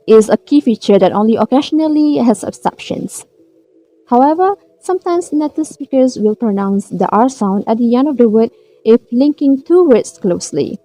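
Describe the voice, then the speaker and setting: Mellow-voiced woman reading a class presentation. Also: on the high side. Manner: reads a prepared script carefully. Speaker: student presenter. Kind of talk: read-aloud class presentation.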